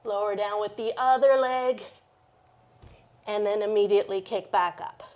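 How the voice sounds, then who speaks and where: A woman's voice: mid-range voice, steady tone, normal speed, a little mellow. A woman teaching a yoga class, cueing poses with short repeated commands and checking in with her students, at times out of breath. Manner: encouraging, checks in with "okay?". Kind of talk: live yoga class instruction.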